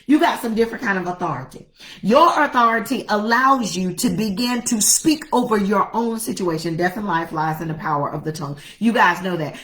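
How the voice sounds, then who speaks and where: A woman's voice: a little high, fairly bright tone, echoey room. A woman pastor preaching a casual devotional sermon, emphatic and repetitive, talking straight to her viewers.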